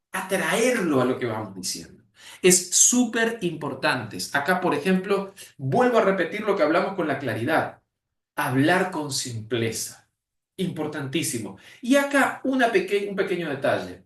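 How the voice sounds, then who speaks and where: A man with an Argentine accent teaching a communication skills class in a lecturing style, expressive and often repeating key phrases for emphasis. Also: sits high. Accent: Argentine Spanish. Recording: echoey room, mic at a distance.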